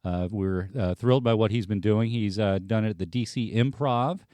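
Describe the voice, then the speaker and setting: With faint band music underneath, a man hosts a casual talk show, wandering through his chat with lots of fillers and restarts. His fairly low voice is warm, clear and resonant at a normal speed, with no room sound.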